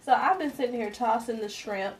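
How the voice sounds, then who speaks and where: A twenties-aged woman hosts a live cooking demo from her home kitchen, chatting casually with viewers and laughing easily. Her voice sits on the high side and moves a little fast. Sizzling frying pans and clattering utensils fill the background.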